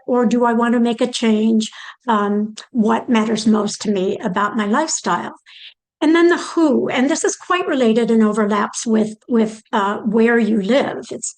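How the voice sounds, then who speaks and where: A woman's voice: fairly high pitch, rough recording. An older woman giving an explanatory talk on planning for care, posing questions aloud and walking through each step. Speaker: presenter on aging and care planning.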